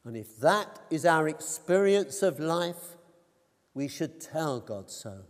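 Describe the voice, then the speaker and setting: Guy preaching slow and deliberate, kinda high voice, big echoey church hall. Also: sing-song. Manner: measured, deliberate, rising on quoted cries. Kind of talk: sermon. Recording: long reverb of a church hall.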